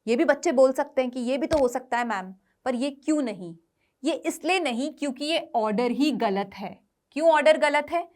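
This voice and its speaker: In an exam coaching session, an English grammar teacher with an Indian accent explains things by posing questions and answering them herself, moving between two languages. Her high voice is animated and a little mellow, at a moderate pace.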